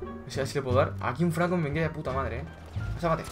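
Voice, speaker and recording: A young man giving excitable, swearing live commentary over his own gameplay, yelling when he scores. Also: a little high, fast talker. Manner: excitable, swearing, shouting at kills. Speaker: gaming YouTuber. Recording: music in background.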